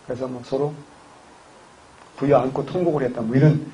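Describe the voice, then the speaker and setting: A man's voice: medium pitch, steady tone, brisk, warm tone, slight background noise, poor audio. A man lecturing on history in a classroom, chatty, with joking asides to his students. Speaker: civil service exam history lecturer.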